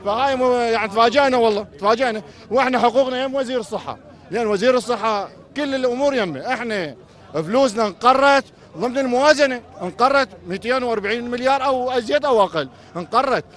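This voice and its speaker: A man's voice: very high voice, racing, a bit bright, a faint crowd. A man with an Iraqi accent speaking outdoors at a street protest, voicing an aggrieved complaint as a hospital administrative worker. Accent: Iraqi Arabic.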